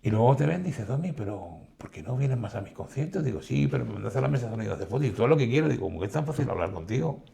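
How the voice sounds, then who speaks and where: A man's voice: mid-range voice, very animated, racing, gravelly, hardly any pauses, dark tone. An older man from Spain, a photographer guest, telling anecdotes in a casual conversation and animatedly acting out quoted dialogue.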